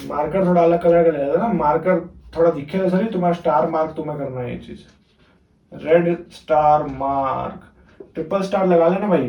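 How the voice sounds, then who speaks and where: A man's voice: high voice, mellow, a little hiss or hum. A young man from India teaching math in a casual, chatty way, often checking in with his students. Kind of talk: casual classroom lecture. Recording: echoey room.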